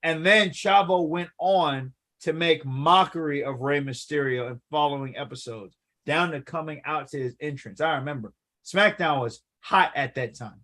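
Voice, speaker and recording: A man in casual podcast conversation, his voice sitting a little high. He talks in a lively, rambling way and leans on "like" between thoughts. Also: normal speed. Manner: animated, lots of "like" fillers. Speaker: podcast co-host. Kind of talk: casual wrestling chat.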